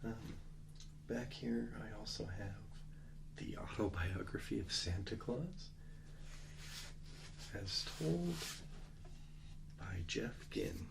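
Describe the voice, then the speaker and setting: A man with a very low, gravelly voice speaks in a hushed, ASMR role-play as a librarian. His delivery is slow and halting, with an unhurried, gentle explaining manner. There is clear noise and ambience behind him. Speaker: ASMR host playing a librarian who shows old books to a visitor. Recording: noticeable background noise and ambience.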